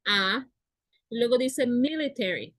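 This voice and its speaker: Spanish-speaking lady teaching english, slow and patient, sounds words out, dry close mic. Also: a little high, animated, no echo. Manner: slow, patient, spells words out and repeats them. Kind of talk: online class explanation.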